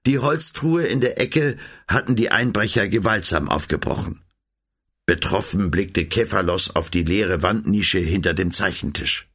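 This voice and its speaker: A man narrating a children's story with an expressive, lively reading. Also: low voice, a little slow, breathy edge.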